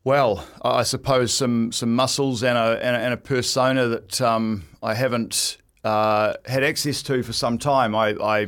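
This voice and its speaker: A man's voice: mid-range voice, steady tone, moderate pace, hardly any pauses, a bit bright. Hesitant middle-aged New man chatting casually. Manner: hesitant, stop-start, self-deprecating. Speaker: guest, event ring announcer. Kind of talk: casual radio interview chat.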